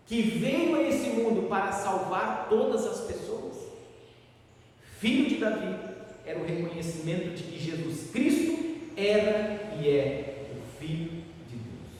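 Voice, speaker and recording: A preacher delivers an earnest sermon in a slightly high voice. He rises emphatically on key phrases and sometimes halts and restarts. He sounds far from the mic, in a long, echoing hall. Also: darkish tone, a little hiss or hum.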